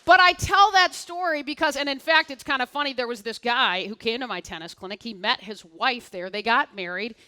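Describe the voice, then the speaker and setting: Middle-aged woman, keynote speaker, stage storytelling, bright and slightly high voice, lively, plays out the dialogue. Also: a little fast, few pauses. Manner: animated, acts out both sides of dialogue. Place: conference stage before an audience.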